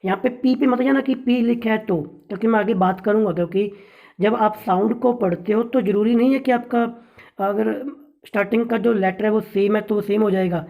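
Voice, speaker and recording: A man's voice: high voice, fairly even intonation, a little fast, vocal fry, a little mellow, poor audio. A male English literature teacher giving an exam-prep lesson, explaining step by step and checking in with his listeners.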